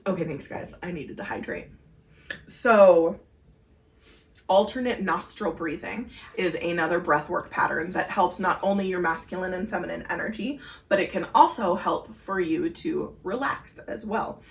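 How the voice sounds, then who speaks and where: A woman's voice: fairly low pitch, normal speed, creaky, far from the mic. A woman co-hosting a podcast, earnestly explaining breathing exercises in casual chat with many fillers. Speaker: podcast co-host. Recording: echoey room heard from afar.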